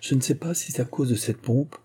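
A man reading aloud as a polite, shy young gentleman, speaking courteously. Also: medium pitch, husky, pitched above the performer's own voice. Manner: courteous, measured.

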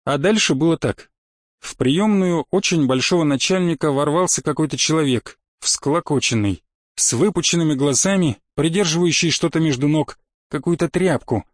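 A man narrating an audiobook in a measured, ironic way. His voice sits a little high, and the recording is close and dry with no room sound. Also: no echo.

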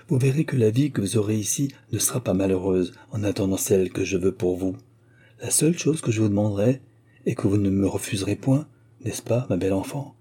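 A man's voice: lowish voice, mellow, husky. A man reading the part of a smug, married middle-aged notary who presses his suit with cajoling questions.

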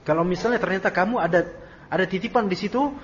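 A male religious teacher giving a Quran commentary lesson, reading Arabic text and retelling it as an animated, casual story. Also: high voice, quick pace, slight background noise. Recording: dull lo-fi audio recording.

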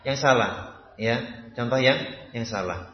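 A man's voice: mid-range voice, slow, slight background noise. A man teaching Quran recitation in a mosque lesson, patient and repetitive, often checking with his listeners. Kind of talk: religious study lesson. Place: mosque hall. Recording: echoey, dull mosque hall recording.

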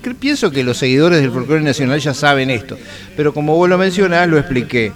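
A man's voice: a little high, animated, a little fast, faint music behind. A middle-aged man with a Uruguayan accent, hosting a radio show in a rambling, anecdotal, conversational way. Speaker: radio host. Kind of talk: casual radio chat.

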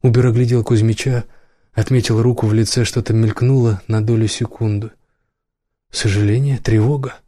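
Male audiobook narrator, measured and even, mellow tone, dry close mic. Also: fairly low pitch, dry recording.

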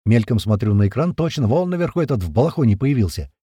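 A man narrating a first-person audiobook in a colloquial, rough-spoken, vivid way. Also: mid-range voice, big pitch swings, fast, mellow, no echo, studio quality.

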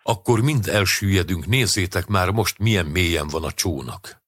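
A man voicing a calm older rescuer. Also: low voice, no room sound, studio quality. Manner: calm and firm.

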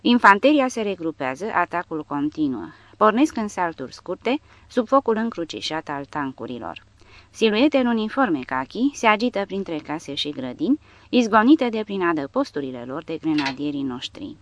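A woman reading an audiobook aloud as scripted narration, lifting her voice for shouted lines. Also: fairly low pitch, sing-song, no room sound, muffled recording. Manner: reads dramatically, raising voice for shouted quotes.

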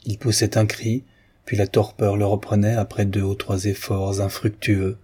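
A man narrating a classic novel in a measured, even reading style. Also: on the low side, slightly rough. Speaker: audiobook narrator. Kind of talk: literary narration.

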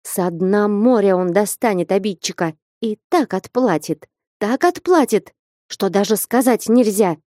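Woman reading as bold scolding young woman, commanding, mellow tone, dry close sound. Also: lively intonation, measured pace, no echo, lightly acted. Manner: scolding, commanding, rising to high pitch. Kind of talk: audiobook character reading.

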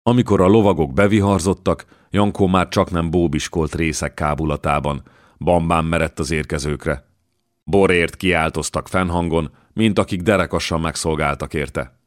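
A man reading an audiobook in a steady, measured narration, close to the mic. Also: sits low, no room sound. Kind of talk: scripted narration.

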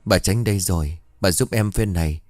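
A man's voice: deep voice, a little fast, no room sound, lightly acted. A man voicing a desperate young official's wife who urgently begs for help. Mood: pleading. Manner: pleading, urgent.

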